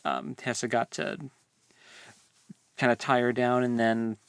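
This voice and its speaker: Recapping a fantasy novel as co-host of a book podcast, this man talks casually, with slang and jokes. His medium-pitched voice is smooth with some vocal fry, the delivery flat and a little slow, with no echo.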